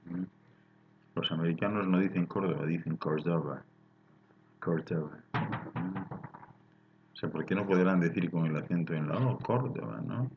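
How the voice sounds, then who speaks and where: A man with a Spain Spanish accent hosting a live spiritual talk, reading out viewers' chat questions and answering them in a calm, explanatory way, often ending points with a questioning tag. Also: deep voice, moderate pace, long pauses, lo-fi sound, a little hiss or hum.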